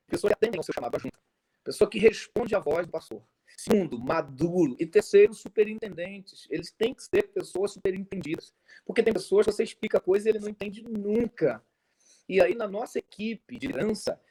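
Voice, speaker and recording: A male pastor with a Brazilian Portuguese accent preaching to fellow pastors over a video call, lively and full of stories. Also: high-pitched. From Brazil, Minas Gerais. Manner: animated preacher, tells stories, acts out dialogue. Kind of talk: sermon-style talk to pastors.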